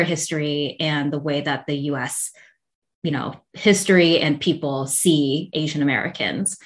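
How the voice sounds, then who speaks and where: A woman from South Korea speaks as a podcast guest in a fairly low voice. She answers reflectively and earnestly, breaking into light laughs between thoughts. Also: a bit bright.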